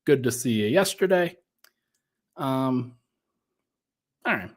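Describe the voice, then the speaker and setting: A man's voice: mid-range voice, animated, takes it slowly. A man hosting a casual sports podcast, thinking aloud in a conversational way and sounding a little out of breath. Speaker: podcast host.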